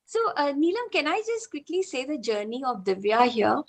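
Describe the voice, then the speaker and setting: A woman's voice: high voice, normal speed. A woman with an Indian accent who leads a group session and tells a participant's story animatedly, mixing English and Hindi, over a video call. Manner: animated, mixes English and Hindi, many "you know" fillers. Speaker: spiritual session facilitator.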